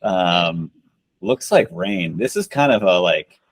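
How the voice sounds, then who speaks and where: A man's voice: low-pitched, lively intonation, slow. A man chatting casually about songs, giving blunt, joking opinions. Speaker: co-host ranking songs. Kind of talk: casual chat.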